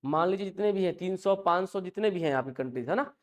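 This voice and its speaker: A man's voice: high voice, quick pace. A male English teacher, lecturing a class and repeating each point as a question and answer.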